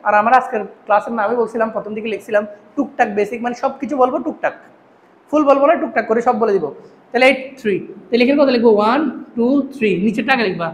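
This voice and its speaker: A man delivers a math lecture at rapid-fire speed in a very high voice, constantly testing his students with questions. There's echo in the room and a faint hum.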